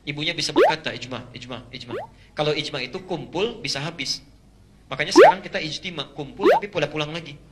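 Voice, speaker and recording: A man's voice: fairly high pitch, huge pitch swings, fast, very noisy. A middle-aged man preaching a sermon, emphatic, repeating key phrases and chanting Quran verses. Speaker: Islamic preacher.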